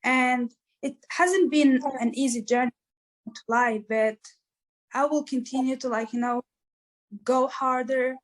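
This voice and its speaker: An East African woman, appearing as a musician guest, answers interview questions earnestly and motivationally, leaning heavily on "like" as filler. Her high voice moves a little slowly with long pauses, and the recording is rough.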